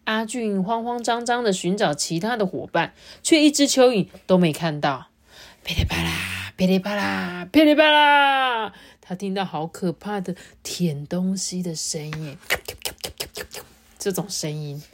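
A woman's voice: medium pitch, lively intonation, a little slow. Woman reading a story aloud to her child. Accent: Taiwanese Mandarin. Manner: gentle, explaining to a child.

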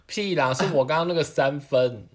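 A podcast co-host, telling jokes in casual chat with a playful, teasing manner. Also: normal speed. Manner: playful, teasing, throws in silly high-pitched guesses.

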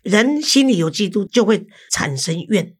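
A woman's voice: medium pitch, lively intonation, moderate pace, breathy edge. An older woman, hosting a podcast and telling a counseling case story. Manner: storytelling, acts out quoted people. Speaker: host and counselor.

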